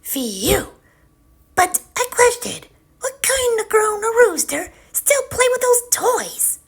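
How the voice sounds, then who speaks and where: Storybook she-raptor girl, very high squeaky falsetto, voiced by a man. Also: a little slow, a bit bright. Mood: chirpy. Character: young adult raptor sisters, polite noble and chatty painter.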